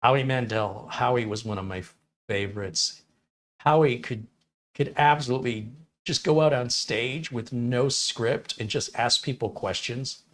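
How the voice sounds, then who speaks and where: Speaking at a measured pace in a mid-range, slightly bright voice, this middle-aged live stream host chats casually with his viewers. He reads the chat, wanders through stories, and voices each quote he tells differently.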